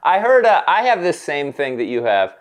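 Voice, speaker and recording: A man's voice: on the high side, big pitch swings, normal speed. A man co-hosting a candid conversation, explaining in a frank, casual way and acting out the voices he quotes. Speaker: podcast co-host, therapist.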